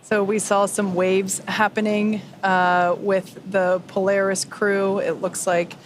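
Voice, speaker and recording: A woman's voice: mid-range voice, little pitch movement, slow pace, a little hiss or hum. A woman hosting a webcast, explaining procedures step by step in live technical commentary. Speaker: webcast host.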